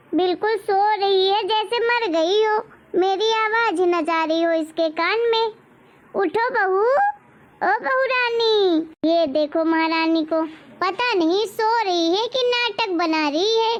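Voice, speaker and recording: A woman's voice: very high voice, highs cut off. A woman voicing a nagging, strict middle-aged mother-in-law in a cartoon story, scolding with dramatic exclamations.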